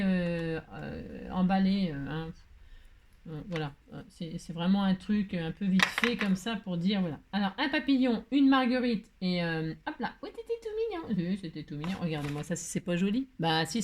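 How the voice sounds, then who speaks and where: A middle-aged woman hosting a chatty crafting tutorial, talking loudly and joking with her viewers as she works. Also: medium pitch, a little hiss or hum. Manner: loud, playful, talks to viewers, jokes.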